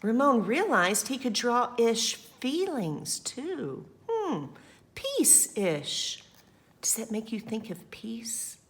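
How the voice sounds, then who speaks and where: Her voice sits a little high and has some creak as she reads a picture book aloud. She's a school librarian, warm and expressive, tossing in friendly, encouraging comments to small kids.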